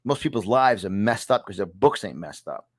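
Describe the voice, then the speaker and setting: A New York-accented success coach in his fifties delivers a motivational lesson to the camera from a small home studio, hammering points home and repeating phrases for effect. His voice is fairly low and very animated, moving at a moderate pace.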